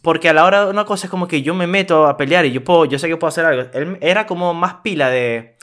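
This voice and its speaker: A young man with a Venezuelan accent, casually telling a story on a podcast, slangy and animated, acting out what people said. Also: fairly high pitch, fast talker. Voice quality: animated, slangy, acts out quoted voices. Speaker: podcast co-host.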